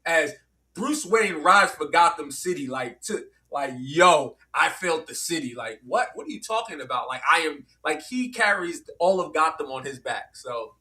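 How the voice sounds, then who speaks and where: A man from New York hosting a casual chat among friends, telling his points in an animated, emphatic way. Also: a little high, moderate pace. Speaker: host.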